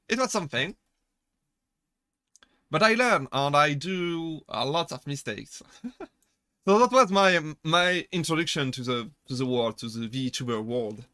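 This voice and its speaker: A man on a casual chat stream, talking as a VTuber with a bright, forceful tone that sits a little high. He rambles, corrects himself mid-sentence and breaks into laughter while answering chat. The sound is dry and close, with no room around it. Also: no room sound. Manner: chatty, rambling, self-correcting.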